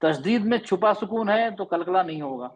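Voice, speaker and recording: A male teacher giving an online class on recitation rules, explaining patiently and drawing out example sounds slowly and repeatedly. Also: sits high, animated, noisy background. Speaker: tajweed teacher.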